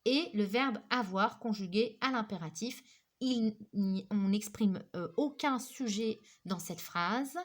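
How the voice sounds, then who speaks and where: A woman teaching a recorded grammar lesson, explaining patiently and checking in often with her listeners, with frequent fillers. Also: mid-range voice. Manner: patient, repeats "ok?" and "d'accord?"; slow, careful explanation with many fillers.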